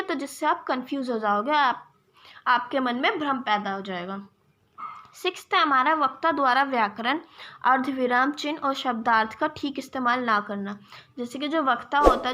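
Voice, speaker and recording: A woman's voice: sits high, bright, forceful tone. A young woman teaching a lesson to students, checking in often and calling her viewers friends. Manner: frequent "theek hai" check-ins, addresses viewers as friends.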